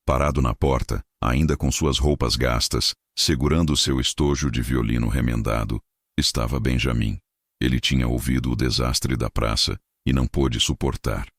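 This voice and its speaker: A man narrating a scripted dramatic story in a measured way. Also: rumbling low, steady tone, dry recording, studio quality.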